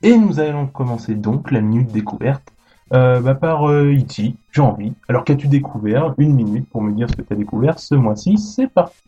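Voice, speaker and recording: A man's voice: mid-range voice, normal speed, dark tone, slightly rough, lo-fi sound, faint music behind. A man hosting a casual gaming podcast, chatty and full of fillers and restarts. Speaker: podcast host.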